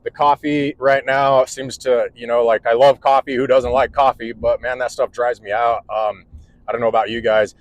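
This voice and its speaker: A man's voice: mid-range voice, little pitch movement, moderate pace, poor audio. A man in his forties, an electrical contractor talking casually to camera at home, earnest and rambling with many restarts. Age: 40s. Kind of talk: casual vlog monologue. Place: indoors at home.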